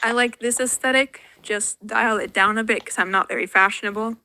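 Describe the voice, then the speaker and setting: A young Finnish YouTuber, a native Finnish speaker, answers viewer questions in a dry, self-deprecating Q&A vlog voice-over. Her voice is on the high side, sharp, and fairly even, a little fast, with slight background noise.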